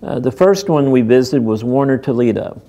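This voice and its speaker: A man's voice: mid-range voice, expressive, moderate pace, mellow. A man narrating a church mission documentary in a plain, informative way.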